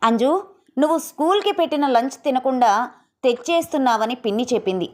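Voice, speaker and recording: A woman voicing a remarried father who coaxes his daughter, gentle but hurried and awkward. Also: high-pitched, animated. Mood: coaxing.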